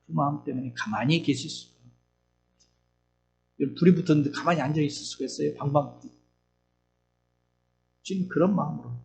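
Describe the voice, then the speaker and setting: A middle-aged man preaching an earnest sermon as pastor, swinging between loud urgent lines and soft low asides. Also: a little fast, vocal fry, long pauses, poor audio. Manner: acts out tender and scolding voices when quoting.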